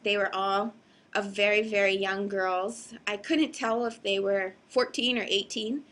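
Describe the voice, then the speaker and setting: An earnest woman recounts a personal experience in a recorded video statement. Her voice is bright and forward, sitting at an ordinary middle pitch. She talks with hesitant pauses and small fillers. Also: fairly even intonation. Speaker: executive director of an advocacy group.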